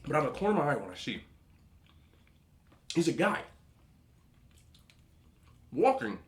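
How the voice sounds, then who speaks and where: A man hosting a mukbang, chatting casually and telling an animated, slangy, incredulous story between bites as he eats. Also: a little high, moderate pace. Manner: eating between phrases. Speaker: host of a mukbang video. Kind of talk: casual rambling storytelling while eating.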